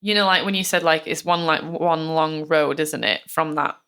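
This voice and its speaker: This co-host of a true-crime podcast is a woman with a low, smooth, fairly bright voice at a moderate pace. She retells the case casually, chatting with lots of fillers and performing the quotes.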